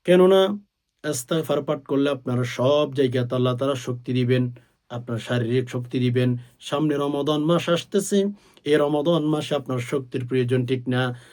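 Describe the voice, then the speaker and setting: A man preaching a sermon, talking straight to his listeners as friends, swelling to loud, drawn-out stresses and chanting short Arabic phrases slowly. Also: medium pitch. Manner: swells to loud, drawn-out emphasis on key words; addresses listeners directly as friends.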